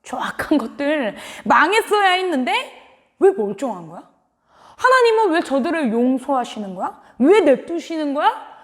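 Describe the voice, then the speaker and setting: A woman's voice: high voice, very animated, moderate pace. A woman voicing a stubborn, self-righteous male prophet who whines and complains indignantly, in a children's Bible lesson.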